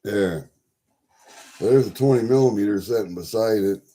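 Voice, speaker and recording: Low, mellow-voiced man rambling casually. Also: moderate pace. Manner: folksy, sweary, thinking aloud. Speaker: livestream host. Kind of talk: casual rambling chat to viewers.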